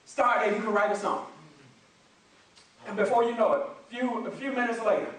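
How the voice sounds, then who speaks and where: A male preacher delivers a booming motivational sermon in an extremely high, straining register. He hammers phrases by repeating them for listeners to echo. The sound is heavily reverberant and picked up at a distance. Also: normal speed. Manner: shouts emphatically, repeats phrases for the congregation to echo. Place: large echoing room with responding congregation. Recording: very echoey hall, distant mic.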